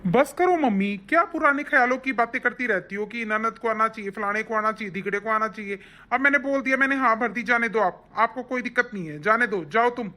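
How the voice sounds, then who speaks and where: A woman voicing a grown son in an animated family cartoon, firm and dismissive of old customs. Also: on the high side, a little fast, voice pushed down. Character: grown son, calm, takes the wife's side.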